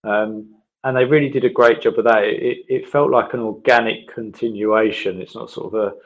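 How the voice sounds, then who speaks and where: Guy leaving a voicemail on a landline, low-ish voice, dull lo-fi phone sound, keeps restarting, really keen. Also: steady tone, normal speed. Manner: enthusiastic, rambling, with many restarts. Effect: heard over a landline phone as a voicemail message. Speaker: gamer leaving a voicemail review. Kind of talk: casual spoken game impressions.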